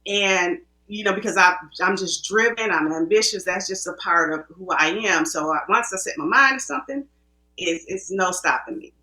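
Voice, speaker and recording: A woman's voice: lowish voice, moderate pace, bright, forceful tone, echoey room, rough recording. A woman from the American Midwest, a film producer guest telling her story in a chatty, self-interrupting way. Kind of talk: casual interview talk.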